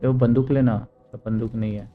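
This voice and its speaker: Very fast-talking Indian man gaming. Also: medium pitch, steady tone, narrow, tinny audio. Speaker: gamer. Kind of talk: casual gameplay commentary.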